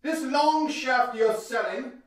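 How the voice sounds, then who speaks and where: A man's voice: very high-pitched, slow, pitched above the performer's own voice. A man putting on a posh, pompous caller on speakerphone. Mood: haughty. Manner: haughty, brusque, posh. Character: pompous wealthy older yacht-club man. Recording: echoey distant speakerphone sound.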